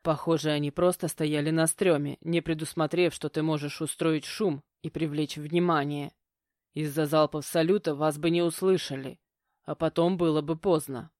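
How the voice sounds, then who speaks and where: A woman puts on a stern middle-aged stepfather who grumbles and gives orders. The voice sits low and speaks curtly. It is recorded dry and close, with no room sound. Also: fairly even intonation, normal speed, darkish tone, dry recording, lightly acted. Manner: grumbling, curt, commanding. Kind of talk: audiobook character voicing.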